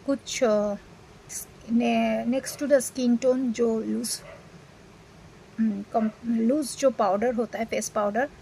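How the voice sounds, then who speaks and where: Female vlogger, 40s, from India, unwell; relaxed rambling delivery with fillers over faint room noise. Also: a little high, poor audio. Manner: rambling, with many fillers and restarts. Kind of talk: casual talk to camera.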